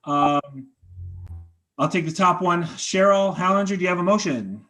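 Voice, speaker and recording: Man briskly chairing a video-call meeting. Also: high-pitched, bright, forceful tone. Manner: brisk procedural, polite thanks.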